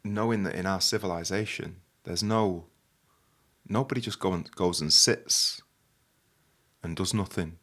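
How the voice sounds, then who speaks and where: A man's voice: sits low, unhurried, long pauses. A young man telling stories in a casual chat. He talks with lots of fillers and laughs often. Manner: animated, laughing storyteller with many fillers. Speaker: guest host.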